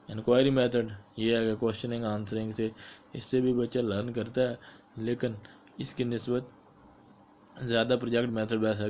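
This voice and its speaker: A man with a Pakistani accent explaining exam questions step by step, like a teacher, and reading the questions out slowly. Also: on the low side, a little mellow, a little hiss or hum. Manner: explains step by step, mixing English terms into Urdu, reads questions aloud slowly. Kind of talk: explanatory exam-prep lecture.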